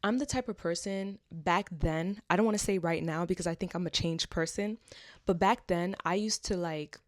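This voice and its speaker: A woman vlogger in her twenties, with a fairly low voice and moderate pace, records with no echo. She starts by reading a scripted narration, then drifts into casual personal chat full of fillers and tag questions.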